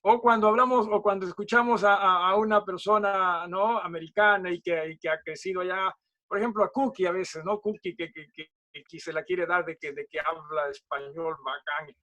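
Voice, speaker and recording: Chatty Peruvian pastor, high voice. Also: male voice, fairly even intonation, moderate pace, bright, forceful tone, highs cut off. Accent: Peruvian Spanish. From Peru. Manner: chatty, asks "¿no?" and "¿sí?" after nearly every phrase, jokes. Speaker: pastor leading a Bible study. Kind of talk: conversational Bible study teaching.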